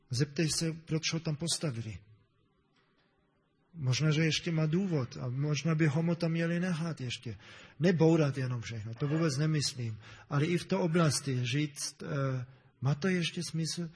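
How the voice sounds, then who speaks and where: Husky preacher in a reverberant hall. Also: male voice, on the high side. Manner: hesitant, conversational, many fillers and restarts; asks the congregation "ne?". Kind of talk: sermon.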